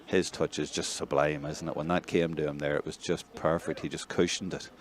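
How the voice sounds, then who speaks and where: A man with a Northern Irish accent giving live play-by-play commentary, chatty between plays and excitable when a score comes. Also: a bass voice, fairly quick. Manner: conversational, excitable on big plays. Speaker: match commentator.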